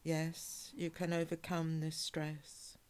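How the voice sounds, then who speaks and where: Woman, low-voiced hypnosis guide; calm, unhurried delivery with soft breathy endings. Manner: calm, measured, soothing, with drawn-out phrases. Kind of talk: guided relaxation hypnosis, soothing scripted narration.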